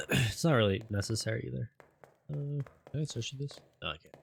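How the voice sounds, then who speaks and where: A man's voice: mid-range voice, normal speed, creaky, slightly rough. A man casually commentating his video game playthrough, rambling and tripping over his words, then joking about it. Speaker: let's play host.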